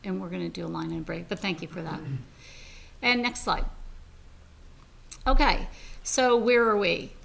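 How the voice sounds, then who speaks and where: A woman presenting a school budget at a public hearing, moving briskly from line to line through dollar figures and percentages. Her manner stays businesslike throughout. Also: fairly low pitch, vocal fry, a bit bright, a little hiss or hum, poor audio.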